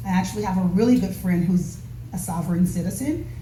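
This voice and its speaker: A woman's voice: fairly low pitch, fast, dark tone. A woman from Nevada giving an earnest, rambling public comment at a community meeting, with many fillers. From Nevada, USA. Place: meeting hall. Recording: echoey hall, far from mic, noisy.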